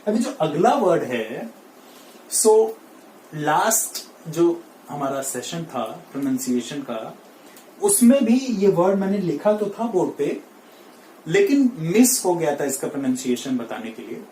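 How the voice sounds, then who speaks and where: A man with an Indian accent teaching English pronunciation in a classroom, mixing Hindi and English, saying each word slowly and asking listeners to repeat it. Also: a little high, sing-song, mellow. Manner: drills words slowly, asks listeners to repeat. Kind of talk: classroom lesson at a board. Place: classroom with a board. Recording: echoey room, faint noise.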